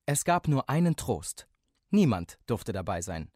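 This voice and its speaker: A man narrating a story in a medium voice that moves a lot in pitch, lively and expressive. The recording is dry and close, with no room sound. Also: a little slow, no room sound. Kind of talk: storybook reading.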